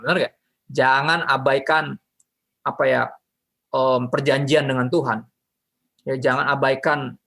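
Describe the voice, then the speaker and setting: A man preaching a casual youth sermon in an animated, joking, slangy way. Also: mid-range voice, breathy edge. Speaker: pastor.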